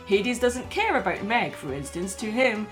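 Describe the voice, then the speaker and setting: A woman narrates a scripted video essay at normal speed, her mid-pitched voice expressive over faint background music. She comes across as a commentator laying out an argument.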